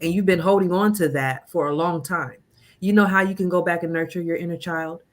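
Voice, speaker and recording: A woman's voice: fairly low pitch, brisk. Earnest woman in her forties. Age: 40s. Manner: earnest, animated storytelling with mimicked voices. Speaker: healing coach guest. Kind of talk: casual conversational interview.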